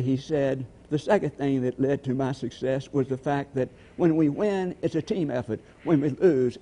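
A man preaching a sermon, with slow, emphatic repetitions. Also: mid-range voice, gravelly, dark tone. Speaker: pastor.

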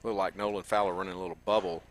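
Male color commentator, deep voice, casual football analysis over faint stadium background noise. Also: level tone, rapid-fire. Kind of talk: casual live sports analysis. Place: football stadium broadcast position. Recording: faintly noisy live stadium broadcast. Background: stadium ambience.

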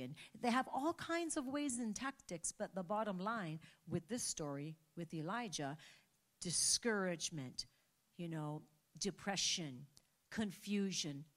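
A woman preacher delivering a sermon to her church with an emphatic, repetitive preaching cadence. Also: on the low side.

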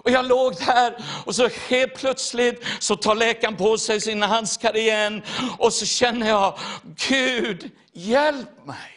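A man's voice: very high voice, little pitch movement, fairly bright tone. A man preaching a testimony sermon, earnest and repetitive, speaking straight to his listeners.

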